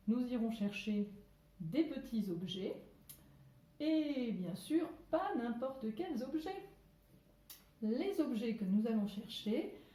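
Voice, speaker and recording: A woman teacher giving a video lesson to young children from home, speaking slowly and articulating carefully, with playful exclamations. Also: mid-range voice, mellow. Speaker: primary school teacher. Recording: echoey room.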